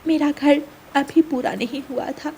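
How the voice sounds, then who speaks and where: A woman voicing a small, gentle mother sparrow in a cartoon, talking softly and pleadingly. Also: high voice, fairly even intonation, unhurried, a little hiss or hum, pitched above the performer's own voice. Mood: worried. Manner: pleading, soft-spoken.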